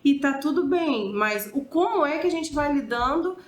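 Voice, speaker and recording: A woman's voice: high-pitched, expressive, normal speed. A woman, a mother and wife, speaking thoughtfully as a guest in a casual chat, searching for words. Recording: echoey room.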